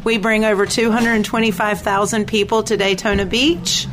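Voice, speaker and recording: A woman's voice: mid-range voice, level tone, normal speed, fairly bright tone. A woman speaking as an interview guest at a racetrack, explaining her nonprofit work as its chief executive. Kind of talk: enthusiastic explanatory interview talk. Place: at a speedway during race events. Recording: clear ambient noise from a racetrack. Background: racetrack ambience.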